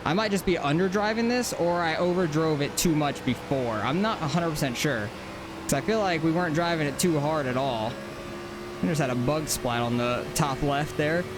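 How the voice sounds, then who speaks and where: A man with a fairly high-pitched voice gives informal live racing game commentary. He thinks out loud in a casual way, with car engine noise clearly audible behind him. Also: moderate pace. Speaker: sim racing streamer.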